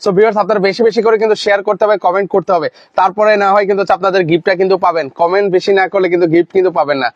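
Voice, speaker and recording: A man's voice: sits high, fairly even intonation, very fast, hardly any pauses, no echo, lo-fi sound. A man hosting a live sales stream, repeatedly urging viewers to comment, with lots of fillers.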